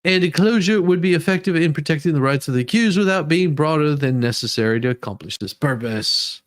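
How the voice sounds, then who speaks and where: This livestream host has a slightly high, animated voice and talks a little fast. He reads legal documents aloud with dramatic flair, breaking off into casual, rambling remarks where words often get repeated.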